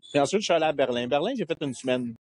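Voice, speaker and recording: A man's voice: a little high, very fast. A man with a Québécois French accent telling travel anecdotes in a casual chat, acting out bits of dialogue. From Quebec. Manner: animated storyteller, acts out dialogue. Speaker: podcast guest.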